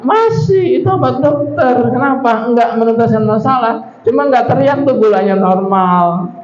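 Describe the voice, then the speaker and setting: A man giving a health talk as a religious teacher to villagers. He speaks animatedly, firing rhetorical questions at the crowd, and his pitch leaps high for emphasis. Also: moderate pace. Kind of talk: public address to villagers. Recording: roomy, dull lo-fi sound.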